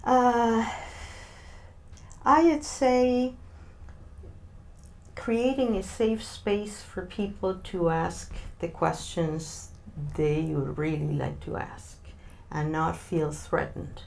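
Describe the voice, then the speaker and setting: Slow, thoughtful Argentine woman. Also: lowish voice, fairly even intonation, gravelly, a little mellow. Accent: Argentine Spanish. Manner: thoughtful, many filler sounds, searching for words. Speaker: interview guest. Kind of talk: interview answers.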